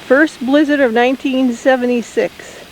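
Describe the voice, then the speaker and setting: A woman's voice: sits high, steady tone, normal speed, rough recording. A woman filming her children outdoors in the snow, narrating the home video and coaxing the kids to wave, heard through an old handheld camcorder's built-in mic. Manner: narrates what she films and coaxes the kids to wave. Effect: old camcorder audio with faint hiss. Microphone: built-in mic of the handheld camcorder she holds. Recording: old camcorder audio, faint hiss.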